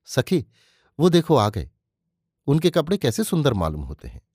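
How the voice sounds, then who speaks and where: A man's voice: mid-range voice, wildly swooping pitch, moderate pace, darkish tone, husky, no room sound, studio quality. A man voicing an eager, delighted young woman in a story reading.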